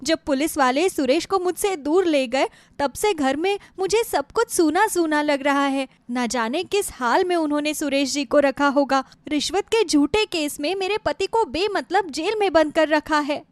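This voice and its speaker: A woman's voice: high-pitched, normal speed, few pauses, no echo, voice pushed up, lightly acted. A woman voicing a distraught young bride in a storybook tale, speaking in a tearful, pleading manner.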